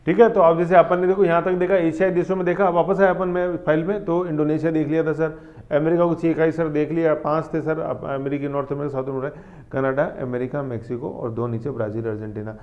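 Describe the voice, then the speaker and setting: A man's voice: on the high side, steady tone, fast talker. A man teaching an exam-prep lesson from a map, coaxing the class along with tag questions and counting aloud. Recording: muffled lo-fi recording.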